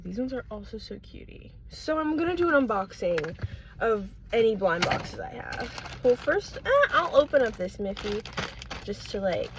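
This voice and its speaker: A young adult woman chatting casually and excitably as she films an unboxing, given to gushing exclamations. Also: medium pitch, noisy background. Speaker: unboxing vlogger.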